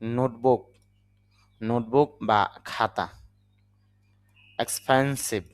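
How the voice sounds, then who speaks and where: A man's voice: medium pitch, fairly even intonation, slow, clear, resonant tone. A man with a Bangladeshi accent, a native Bengali speaker, giving a patient spoken English lesson and spelling words out letter by letter. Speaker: English teacher.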